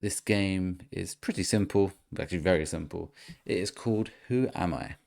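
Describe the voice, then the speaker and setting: Hosting a relaxed gaming podcast, a man with a very low, gravelly voice runs a guessing game at a moderate pace. He reads out clues steadily and laughs along with his co-hosts in casual chat.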